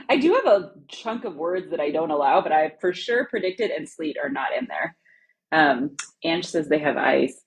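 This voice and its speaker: Low husky-voiced woman chatting. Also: very animated, normal speed, poor audio. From lives in Ohio. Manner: chatty, laughs often, says "like" a lot. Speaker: educational advocate co-hosting a live stream. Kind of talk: casual chat answering viewer comments.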